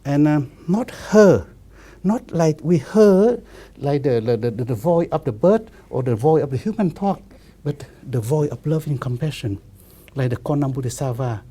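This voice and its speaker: A Buddhist monk in his fifties speaking halting, repetitive non-native English with many restarts in a relaxed discussion. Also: fairly high pitch, slightly rough. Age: 50s.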